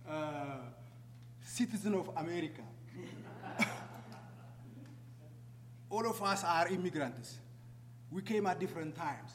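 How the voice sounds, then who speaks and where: Ethiopian-accented man speaking in an echoey hall. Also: high-pitched. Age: middle-aged or older, over 44. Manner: halting, asks the audience questions. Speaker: guest speaker, refugee advocate. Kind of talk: public talk to an audience. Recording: echoey hall, clear background noise and hum.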